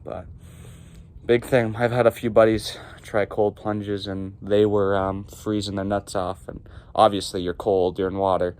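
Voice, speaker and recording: A young man chatting casually to camera outdoors, halting and pausing as he bears the cold. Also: fairly low pitch, flat delivery, darkish tone. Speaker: vlogger. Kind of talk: casual unscripted vlog chat to camera. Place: outdoors in cold stream under a small bridge. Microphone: handheld phone or camera. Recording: clear outdoor background noise, ambience.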